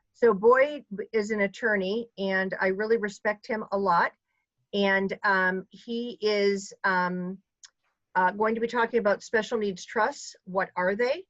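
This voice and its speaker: A woman's voice: medium pitch, dry recording. Woman host, chatty and grateful, fillers, dry muffled video-call sound. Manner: warm, grateful, many ums. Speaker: webinar host. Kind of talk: casual closing remarks on a video call.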